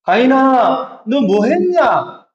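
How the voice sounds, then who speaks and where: A male preacher voicing God, speaking slowly, firmly and solemnly to Cain. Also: very high-pitched, sing-song, echoey room, far from the mic, dull audio, voice pushed up, heavily acted. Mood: solemn questioning. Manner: slow, solemn, firm.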